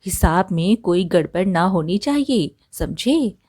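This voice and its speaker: A woman's voice: fairly low pitch, expressive, measured pace, a little mellow. A woman voicing a poor, hardworking old village woman who talks plainly and practically. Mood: homely.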